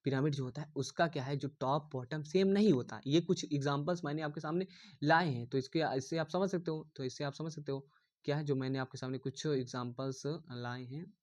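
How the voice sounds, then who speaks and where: A man's voice: on the high side, fairly quick. A man giving a casual online engineering drawing lesson, repeating himself often and calling viewers dear. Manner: repetitive, rambling, addresses viewers as dear.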